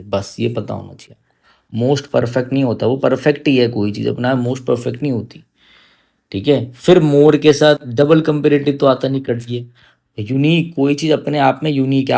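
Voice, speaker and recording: A man teaching an exam-prep grammar lesson in a gravelly, mellow voice. He coaxes and teases his students as he explains. He stretches out each English example slowly so they can follow. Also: mid-range voice.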